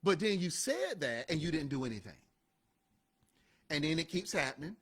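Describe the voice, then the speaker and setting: Animated, highly expressive man. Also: normal speed, husky. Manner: animated, emphatic storytelling. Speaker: co-host of a live show and podcast. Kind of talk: motivational casual talk.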